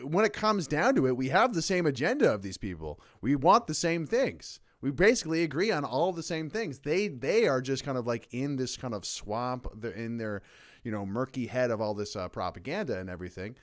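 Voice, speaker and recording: A young man co-hosting a casual political podcast chat rants emphatically, often restarting his sentences. His medium-pitched voice swings widely in pitch, and he speaks briskly.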